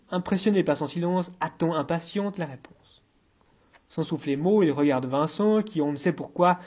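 A man narrating an audiobook in a measured, literary reading. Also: high-pitched, a little mellow.

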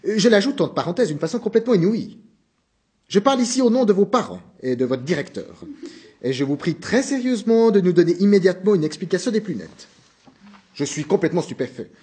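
Stern formal manager, raised and lively voice, a male reader putting him on for a storybook. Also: sits high, fairly quick, pitched above the performer's own voice. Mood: scolding. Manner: scolding, formal, indignant. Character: stern middle-aged male office manager.

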